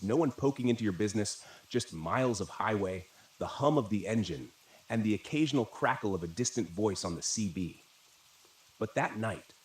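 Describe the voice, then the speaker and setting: A man narrates a first-person horror story in a steady, dramatic way. His voice sits low. The recording has a roomy echo around it.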